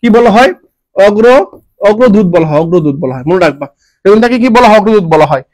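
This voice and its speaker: Male online grammar tutor, high quick voice, repetitive and jokey. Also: lively intonation, darkish tone. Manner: repetitive, asks and answers his own questions; jokey, homely dialect forms. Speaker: teacher.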